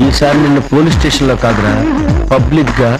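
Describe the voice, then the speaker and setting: A man's voice: mid-range voice, fast talker, natural voice. An actor playing a gloating male villain who taunts and threatens revenge in a film scene. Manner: taunting, menacing. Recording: distant film audio under loud music.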